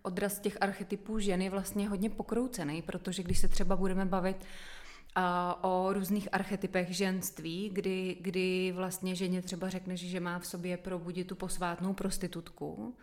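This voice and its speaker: A woman's voice: lowish voice, flat delivery, a little mellow. A woman hosting a conversation, asking earnest and probing questions in long winding sentences. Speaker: interviewer, host. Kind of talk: reflective conversation.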